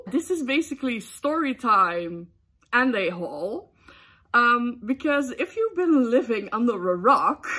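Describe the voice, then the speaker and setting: Slow-talking bright young woman, giggly. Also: a little high, slightly rough. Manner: giggly, excitable, many ums. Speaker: booktube vlogger. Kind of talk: casual storytime chat.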